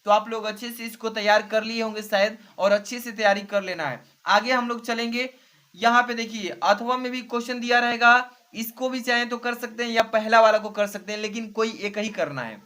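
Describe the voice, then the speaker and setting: A man's voice: high voice, fairly even intonation, a little fast, pushed and bright. A male teacher explaining an exam model paper step by step and often checking in with his students. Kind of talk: exam revision lesson.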